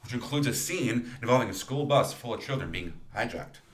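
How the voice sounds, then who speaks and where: Excitable man with a roomy echo. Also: mid-range voice, a little fast. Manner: excitable, swears a lot, acts out silly voices. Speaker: podcast co-host. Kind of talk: casual chat.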